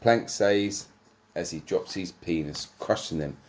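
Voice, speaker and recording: A man narrating a comic erotic story, deadpan, sometimes stumbling over words and swearing. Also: low voice, a little slow.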